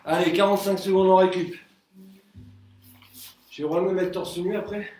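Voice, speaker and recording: A man teaching a relaxed live workout class at home, counting reps aloud and joking with viewers. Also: high voice, moderate pace, soft background music. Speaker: Krav Maga instructor. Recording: echoey room, from far off.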